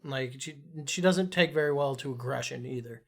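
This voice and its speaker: Profane, animated man telling stories. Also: mid-range voice, moderate pace, creaky. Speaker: podcast co-host. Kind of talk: casual chat.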